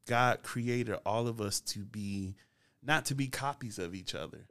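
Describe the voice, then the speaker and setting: A man's voice: medium pitch, a little slow, fairly bright tone. A man hosting a casual faith-based podcast, telling stories in a laid-back way and laughing often. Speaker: podcast host.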